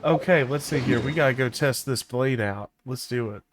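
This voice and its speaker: A man with a mid-range voice streams a video game, talking at a moderate pace in a casual, informal way and often repeating his phrases, as typical livestream commentary and chat.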